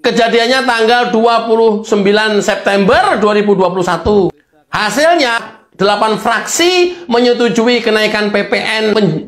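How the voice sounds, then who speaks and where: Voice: mid-range voice, a bit bright. Indignant commentator in an echoey room. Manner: indignant, mocking, repeats phrases for emphasis. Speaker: political commentator. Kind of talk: heated opinion monologue.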